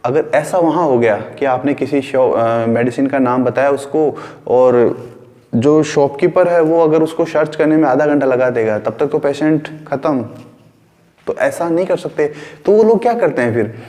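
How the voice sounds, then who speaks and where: A man's voice: medium pitch, moderate pace, warm tone, big-room sound. A man teaching a school science class. He explains with everyday examples, repeats his key points and asks questions, then answers them himself. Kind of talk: classroom lecture.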